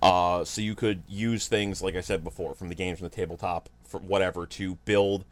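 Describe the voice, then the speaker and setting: Low-voiced man, blunt casual chat. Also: fairly even intonation, moderate pace. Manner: blunt, offhand, joking. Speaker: podcast co-host.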